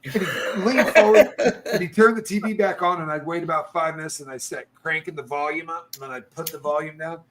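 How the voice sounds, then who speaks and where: A man's voice: a little high, brisk, a little hiss or hum. A man hosting a casual chat, telling stories animatedly and acting out what others said. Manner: animated storyteller, acts out other people's lines. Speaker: podcast host.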